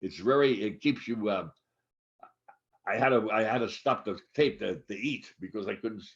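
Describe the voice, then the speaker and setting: A man in his eighties, co-hosting a casual chat show, rambling with many halting restarts and fillers. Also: fairly low pitch. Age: 80s. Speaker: podcast co-host. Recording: dull lo-fi sound.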